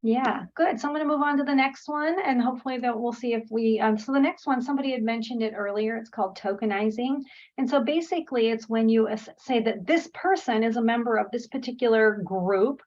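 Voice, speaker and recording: Over a video call, a woman with a fairly high voice runs an online workshop, sounding warm, encouraging, and grateful, with frequent "um"s. The audio is dull.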